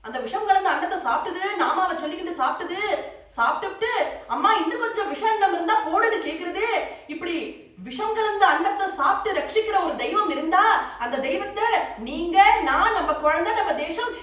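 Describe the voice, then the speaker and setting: A woman's voice: very high voice, animated, fairly quick, fairly bright tone, pitched above the performer's own voice. A woman voicing a grief-struck but devoted queen mother in a told religious story. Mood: pleading, fervent. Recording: very echoey hall, far from mic.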